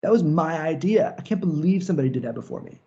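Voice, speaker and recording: A frustrated would-be entrepreneur, envious and whiny, ranting and swearing in a high, strained voice that jumps upward, as a male lecturer puts him on. The tone stays mellow under a dull, lo-fi recording. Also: animated, quick pace. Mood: exasperated rant. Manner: ranting, exasperated, profane.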